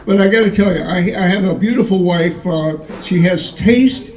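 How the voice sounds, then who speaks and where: A man doing stand-up in a zany, halting, old-fashioned borscht belt style, telling corny one-liners. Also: high-pitched, a crowd in the background. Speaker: stand-up comedian. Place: live comedy show before an audience. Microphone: far from the recording mic. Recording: distant echoey live room with audience noise.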